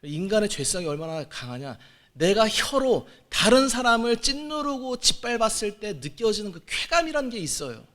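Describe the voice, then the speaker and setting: A man in his forties preaching a sermon as pastor, moving between quiet asides and loud exclamations. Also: sits high, sing-song, normal speed. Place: church sanctuary.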